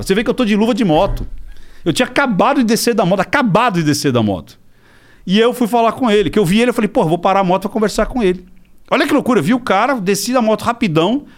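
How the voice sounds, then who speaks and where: A middle-aged man with a Brazilian accent, a podcast guest telling a story in a casual, animated way, acting out the people he quotes and swearing freely. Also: high voice. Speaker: podcast guest, body-language specialist.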